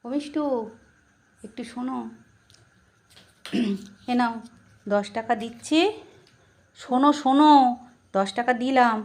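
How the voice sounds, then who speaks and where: A woman playing a mother in a family comedy skit, talking in an animated, teasing, sing-song way. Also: fairly high pitch, slow, pauses often.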